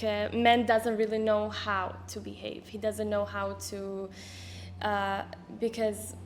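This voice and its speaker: A woman in her twenties from Israel speaks English as a guest in a casual interview, using a handheld mic. Her medium-pitched voice is hesitant, full of fillers and restarts, with a little hiss or hum in the recording.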